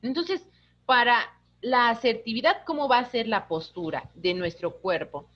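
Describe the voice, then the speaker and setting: A woman, an instructor giving a lively online lecture, talking with her hands. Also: on the high side, unhurried, dull audio. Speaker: course instructor.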